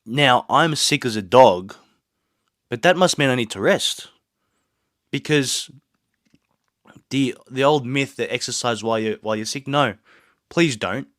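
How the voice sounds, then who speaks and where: Speaking a little slowly and pausing often, this man has a medium-pitched, fairly bright voice with no room sound. He hosts a casual solo podcast from his small home studio while ill with a sore throat and blocked nose, staying earnest and motivational amid rambling asides.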